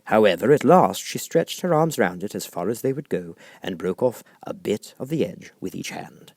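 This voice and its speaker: A man reading as an audiobook narrator, in an expressive scripted storybook style. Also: on the low side, normal speed, no room sound, clean studio sound.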